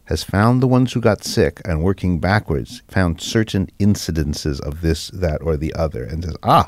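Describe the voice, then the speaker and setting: A man's voice: low voice, moderate pace, no room sound, clean studio sound. A man co-hosting a podcast, pushing back skeptically in a casual debate. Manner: skeptical, argumentative. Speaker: podcast co-host.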